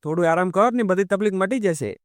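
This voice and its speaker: A patient, gentle husband in an audio story, voiced by the narrator. His voice is high for a man and smooth, recorded close and dry. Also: brisk, dry recording, natural voice. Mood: soothing. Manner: soothing, explaining tone.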